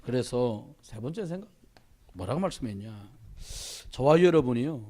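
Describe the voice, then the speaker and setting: A man's voice: medium pitch, animated, normal speed, warm tone. A man preaching a sermon as the pastor at a Wednesday church service, urging and joking with the congregation.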